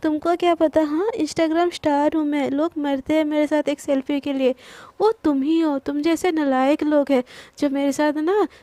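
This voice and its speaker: A woman's voice: high-pitched, steady tone, brisk, few pauses, a little mellow, no echo, close to an everyday voice. A woman voicing a bossy, teasing young woman who brags and pushes her friend around, told as a storybook scene. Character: bossy, teasing young woman, self-styled social media star.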